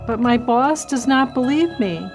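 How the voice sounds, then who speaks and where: A woman with a fairly high voice complains through her story in a mock testimonial. She sounds slow and aggrieved, with faint music behind. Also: animated, poor audio. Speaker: interviewee.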